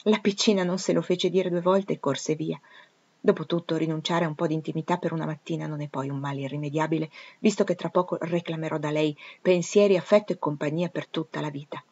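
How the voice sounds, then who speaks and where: A woman's voice: low voice, steady tone, brisk, a little mellow. Woman reading a novel aloud. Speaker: audiobook reader. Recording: dull, muffled audio.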